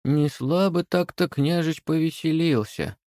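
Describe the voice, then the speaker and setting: A man's voice: on the high side, unhurried, darkish tone, no echo, clean studio sound, voice pushed up, close to an everyday voice. A man voicing a small, businesslike male house spirit in a raised, perky voice.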